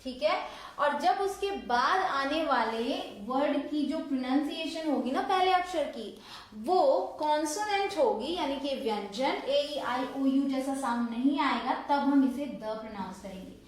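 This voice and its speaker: A woman's voice: high-pitched, expressive, a little slow. A woman teaching an online grammar lesson, explaining step by step and quizzing viewers with questions as she goes. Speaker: English teacher. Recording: echoey room.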